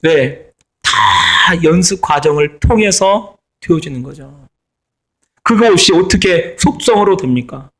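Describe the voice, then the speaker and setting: A man's voice: on the high side, very animated, measured pace, fairly bright tone, breathy edge. Emphatic middle-aged male pastor preaching. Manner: emphatic, repeats key phrases. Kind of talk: sermon.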